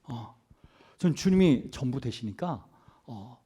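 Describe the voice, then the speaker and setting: A man voicing a calm, steadfast male preacher who answers his questioners with gentle firmness. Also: mid-range voice, slow pace, slightly rough, exaggerated voice.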